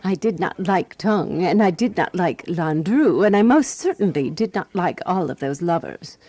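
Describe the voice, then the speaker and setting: A woman with a lowish, warm voice speaks animatedly at a moderate pace, narrating a scripted radio drama in first person. She plays a prim 1920s Parisian resident, wry and reminiscing, precise and dryly disapproving.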